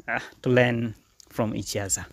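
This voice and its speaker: A man's voice: mid-range voice, steady tone, unhurried, gravelly, dry recording, studio quality. A young man hosting an interview outdoors in a garden, asking questions with frequent fillers into a handheld phone. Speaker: interviewer, channel host. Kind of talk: casual interview.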